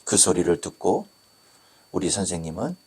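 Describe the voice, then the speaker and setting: A man's voice: normal speed, husky. A man preaching a storytelling sermon as a pastor, acting out the people in his story with sudden jumps in his voice. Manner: animated, acts out quoted voices with big pitch jumps.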